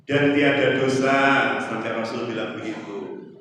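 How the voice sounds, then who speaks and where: Male preacher, lively storytelling sermon, mid pitch, recorded from far off in a booming hall with faint hiss. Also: moderate pace. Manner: animated storytelling, acting out dialogue. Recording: echoey hall, mic far off, faint noise.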